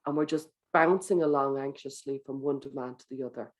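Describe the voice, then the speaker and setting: A speaker giving a wellbeing talk to teachers in a gentle, coaching manner, guiding breathing exercises and acting out inner thoughts. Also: medium pitch, brisk. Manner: acts out inner thoughts in quoted voices.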